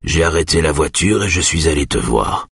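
A man voicing a weary, gentle older father. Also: extremely low pitch, lively intonation, slightly rough, no echo, studio quality, full character voice. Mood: tender. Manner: soft, tired, measured.

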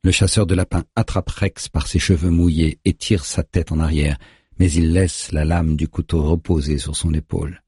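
A man reads a thriller audiobook in a steady, tense voice. His tone is very deep and rough, almost raspy, and it sounds close and dry with no room around it. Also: moderate pace, no echo. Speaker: audiobook narrator. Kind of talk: scripted thriller narration.

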